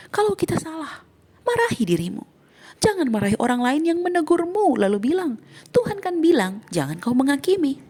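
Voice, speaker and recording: A woman pastor preaching a sermon, swinging between emphatic lines and soft whispered asides. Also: sits high.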